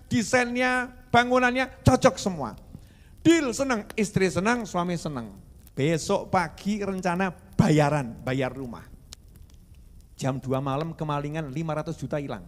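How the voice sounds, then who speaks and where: Man, sermon, animated preaching, fairly high voice, long hall reverb. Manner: animated, switching into Javanese and acting out prayers.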